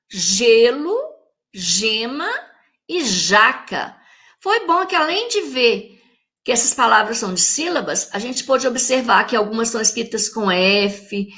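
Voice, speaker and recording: A woman teaching a recorded lesson for young children with a Brazilian Portuguese accent. She is patient, checks in with the children and sounds words out slowly. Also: on the high side, pushed and bright. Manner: patient, speaks straight to the children with check-in questions; spells words out syllable by syllable. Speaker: primary school teacher.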